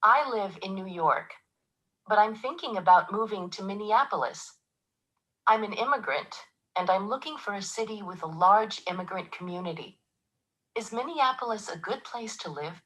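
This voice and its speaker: A woman's voice: mid-range voice, expressive, normal speed, a bit bright, husky, poor audio. A woman playing a woman asking for advice about moving, in a scripted textbook dialogue recording. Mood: inquiring.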